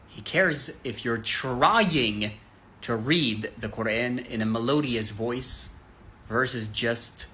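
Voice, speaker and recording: Earnest man teaching, bright forceful voice. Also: medium pitch, slight background noise. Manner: earnest, direct, addresses listeners as guys; breaks into melodic Quran recitation to demonstrate. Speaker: Islamic teacher. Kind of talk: casual religious teaching to camera.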